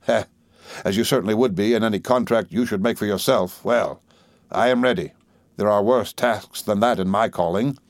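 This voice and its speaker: A man voicing a grave, measured middle-aged lawyer who speaks dryly. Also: lowish voice, no echo, natural voice.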